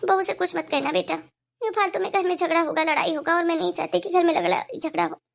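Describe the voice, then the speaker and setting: Cartoon role: sly complaining older mother-in-law, voiced by a woman, gravelly, high-pitched, theatrical whining. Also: expressive, fast, heavily acted. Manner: whiny, dramatic complaining.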